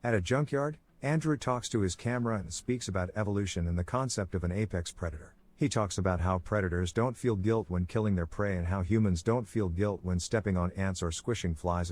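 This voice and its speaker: Low-voiced man narrating a story recap. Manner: steady, even storytelling delivery. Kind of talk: scripted narration.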